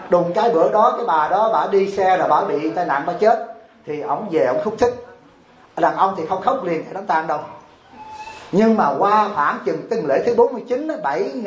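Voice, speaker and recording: A Buddhist abbot preaches with playful humor, keeps asking his audience questions, and slips into the voices of the people in his stories. His voice sits high for a man. The sound is roomy, as if recorded in a temple hall before a large crowd. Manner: joking, acts out quoted widows and husbands, quizzes the audience. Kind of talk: humorous dharma talk to a congregation.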